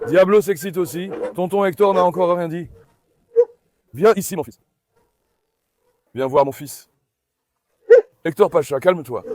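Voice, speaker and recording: A man hosting a dog vlog, giving running commentary to viewers and repeatedly calming his dogs with soothing commands. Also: high-pitched, a little slow, pauses often, no echo. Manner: talks directly to viewers as friends. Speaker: dog owner and channel host.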